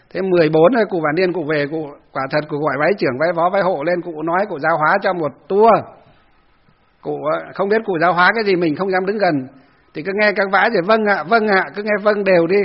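A Buddhist monk tells a story in a lively dharma talk and acts out the voices of other people. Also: male voice, high-pitched, slightly rough. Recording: dull lo-fi recording.

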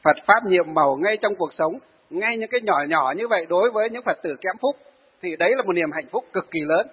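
A Buddhist monk, giving a sermon to lay followers and telling stories of them in a lively way. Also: male voice, high-pitched, a little fast, husky. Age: 40s. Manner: storytelling, acts out the people he tells of. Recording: phone-like, hall reverb.

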